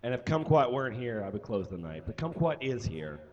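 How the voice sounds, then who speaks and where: A man doing a comedic live reading on stage into a microphone, theatrical with loud bursts of emphasis. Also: mid-range voice, sing-song, brisk, lo-fi sound, very noisy. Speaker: live show performer. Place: stage before a live audience.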